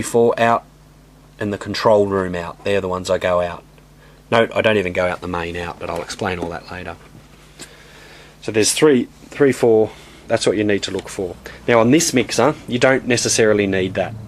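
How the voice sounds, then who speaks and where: A man giving a casual, rambling walkthrough of his home studio gear, blunt and offhand, with many ums and restarts, his voice going hoarse. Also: on the low side, a little hiss or hum. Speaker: home studio tutorial host.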